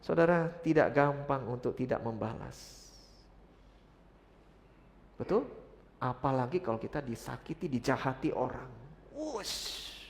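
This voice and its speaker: A middle-aged man preaching a sermon as pastor, calling out to his congregation for responses and swinging from loud exclamations to quiet asides. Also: mid-range voice, expressive, a little slow, creaky, long pauses.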